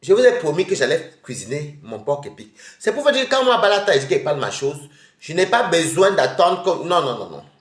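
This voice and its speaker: A man streaming live from home, eating and nursing a head cold, talks casually and rambles while addressing his audience. His fairly high voice swings widely in pitch, and he speaks briskly. The room has an echo.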